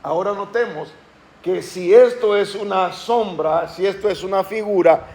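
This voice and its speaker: A man preaching a sermon as pastor of his church, slowing down and lifting his voice when he reads scripture aloud, and calling on the congregation to respond. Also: high-pitched, darkish tone. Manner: asks the congregation questions and calls them to respond.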